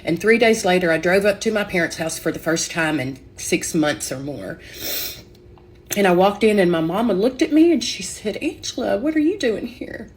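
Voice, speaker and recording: A woman's voice: on the low side, lively intonation, normal speed. A young woman earnestly sharing an emotional personal testimony, often saying "like". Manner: earnest, heartfelt, frequent "like" fillers.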